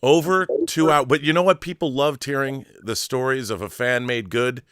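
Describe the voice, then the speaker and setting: An effusive, theatrical American talk show host opens with a showman intro before moving into a casual fan interview. His mid-range voice has a fairly bright, smooth tone at a moderate pace. The studio-quality sound has no echo.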